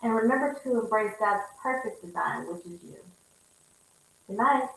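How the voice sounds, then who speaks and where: A woman hosting a live-stream interview, laughing often and answering with quick affirmations. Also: medium pitch, animated, creaky, fairly bright tone, heavy reverb, distant mic, slight background noise, low-quality recording. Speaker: host.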